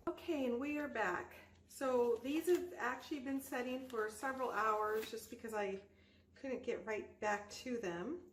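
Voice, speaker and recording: A woman's voice: a little high, a little slow. A woman hosting a casual crafting tutorial, explaining informally step by step as she works. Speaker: host of a soap-making tutorial channel. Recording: roomy echo, faint background noise.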